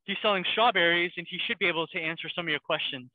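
A man's voice: high voice, quick pace, dry recording. A man guiding a casual livestream tour through an outdoor night market, friendly and explanatory. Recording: tinny phone-like audio.

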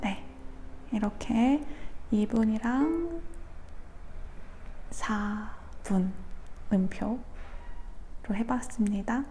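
A woman giving a gentle, slow ukulele lesson, counting beats softly and sometimes in a half whisper. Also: fairly high pitch, soft background music. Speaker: ukulele teacher. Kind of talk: soft-spoken music lesson. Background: ukulele playing.

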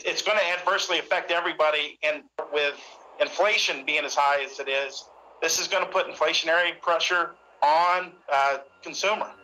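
A middle-aged industry expert speaking over a video call from an office, energetic with fillers. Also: male voice, a little high, normal speed, a little hiss or hum, low-quality recording.

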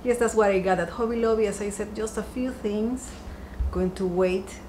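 This is a casual haul chat from a decor vlogger at her dining room window, upbeat and talkative as she lingers gently on each item. Her pitch is medium and her speed normal. Audio quality is poor, marked by a slight hiss or hum.

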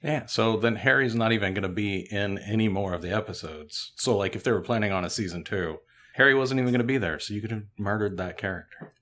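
A man's voice: on the low side, quick pace, a bit bright. A man co-hosting a podcast, chatting casually about a TV episode with laid-back, dry asides. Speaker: podcast co-host. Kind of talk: casual chat recapping a TV episode.

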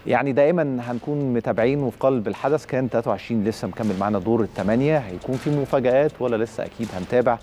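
A man hosting an Egyptian TV sports talk show, with an Egyptian Arabic accent, leaning on drawn-out filler pauses between phrases. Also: mid-range voice, warm tone, a little hiss or hum.

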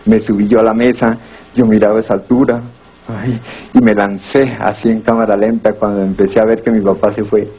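A Colombian man doing stand-up, telling self-deprecating stories in a deadpan way and acting out the dialogue. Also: lowish voice, brisk, noisy background. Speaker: stand-up comedian.

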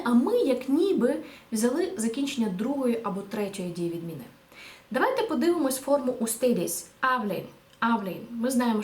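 Lively woman teaching in an echoey room. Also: fairly high pitch. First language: Ukrainian. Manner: lively, patient explaining with rhetorical questions. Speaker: Spanish teacher. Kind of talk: video language lesson.

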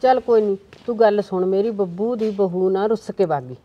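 A patient, chatty village aunt, played by a woman, trying to calm everyone down. Her medium-pitched voice sits in a slightly dull, lo-fi recording. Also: fairly quick, close to an everyday voice. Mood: placating. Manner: placating, keeps saying it's alright. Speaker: aunt of the family. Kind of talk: rural comedy-drama acting.

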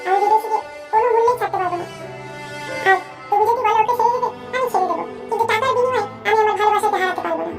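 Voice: very high-pitched, racing, loud music behind the voice. A performer voicing a touchy, poor young drunkard man in a cartoon, indignant and pleading. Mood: earnest. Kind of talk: cartoon voice acting.

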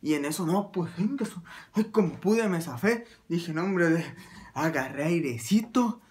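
A man with a Mexican accent telling a comic anecdote in a crude, slangy, animated way. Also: on the high side, a little slow. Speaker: storyteller.

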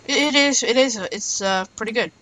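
A woman's voice: a little high, fairly quick, a bit bright, slight background noise, low-quality recording. A woman chatting casually while playing a building game, playful and hesitant, with many ums. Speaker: Minecraft player. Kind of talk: casual gaming commentary.

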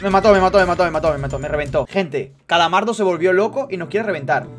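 A young man giving excited gameplay commentary, shouting when startled. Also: high-pitched, quick pace. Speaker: gamer streamer. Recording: voice over game music.

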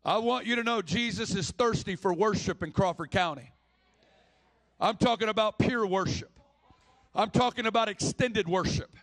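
A man's voice: high-pitched, moderate pace, a bit bright. A man preaching a sermon with passion, acting out the people in the story he tells. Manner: impassioned, acts out the people in the story.

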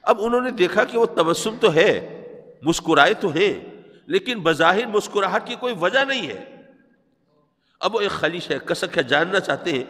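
A man's voice: high-pitched, expressive, a bit bright. Male preacher, rhetorical sermon delivery, long hall echo. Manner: rhetorical, addresses the audience directly. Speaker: Islamic scholar. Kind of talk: Urdu sermon.

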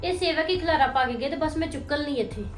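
A woman playing an aggrieved young wife, high voice. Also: fast talker, lightly acted. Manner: indignant, pleading. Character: young wife upset by her drinking husband. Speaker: actor. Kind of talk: family drama acting. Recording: echoey room with music underneath.

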